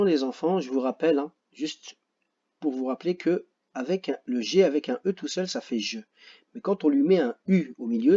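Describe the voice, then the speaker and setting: A man with a French accent teaching a phonics lesson to children, slow and patient, repeating each word carefully and joking about his own memory. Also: a little high, warm tone, husky, muffled recording.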